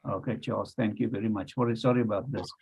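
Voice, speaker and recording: A man's voice: lowish voice, steady tone, fast talker, vocal fry, darkish tone, breathy edge. A man moderating an online panel over a group voice chat, courteous and chatty as he introduces speakers and apologizes for technical trouble. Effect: group voice chat audio. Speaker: webinar moderator. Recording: dull lo-fi call audio.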